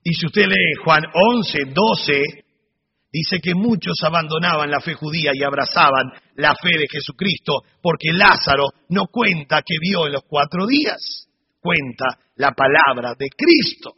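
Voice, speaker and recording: A man teaching a Sunday school sermon, animated storytelling with humorous asides. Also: on the high side, a little slow. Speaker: Bible teacher. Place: church hall. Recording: dull recording in a reverberant hall.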